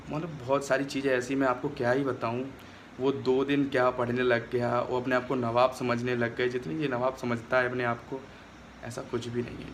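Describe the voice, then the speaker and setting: Young guy ranting into his phone about a fight, kinda flat and monotone, faint room hum behind. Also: mid-range voice. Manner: aggrieved, complaining, retelling a quarrel. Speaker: vlogger. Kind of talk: casual venting vlog.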